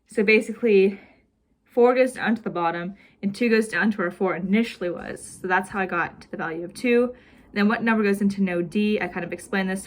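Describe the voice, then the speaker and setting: A woman's voice: medium pitch, slight background noise. A young woman casually walking through her homework answers as a student, rambling with lots of "basically" and "like", a little out of breath. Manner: rambling, heavy use of "basically" and "like". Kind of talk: casual recorded homework walkthrough.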